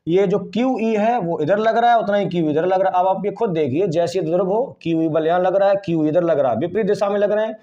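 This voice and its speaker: A man's voice: high-pitched, fast talker, hardly any pauses, dark tone. Hindi-speaking male physics teacher, lo-fi sound. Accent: Hindi-speaking Indian. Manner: repeats key terms and asks questions back to the class. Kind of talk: whiteboard lesson.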